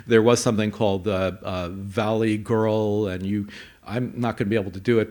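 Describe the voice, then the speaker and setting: A man presenting a conference talk, explaining with a measured pace and frequent fillers. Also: on the low side. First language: English. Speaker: conference speaker. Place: conference hall.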